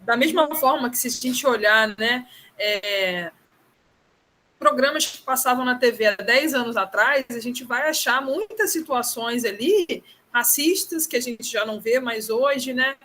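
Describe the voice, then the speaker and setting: A woman's voice: fairly high pitch, unhurried, pushed and bright, a little hiss or hum. A Brazilian woman taking part in a discussion, sharing thoughtful comments and often checking in with tag questions. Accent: Brazilian Portuguese. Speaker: participant in the discussion. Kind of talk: casual reflective comment.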